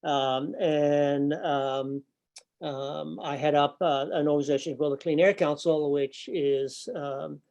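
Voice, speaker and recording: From an office room with a window, an older man who grew up overseas talks informally to a business group over a video call via his laptop webcam. A speaker and director of an environmental nonprofit, he goes slowly in a fairly high, steady, gravelly and darkish voice, full of fillers and repeated words, on a muffled recording.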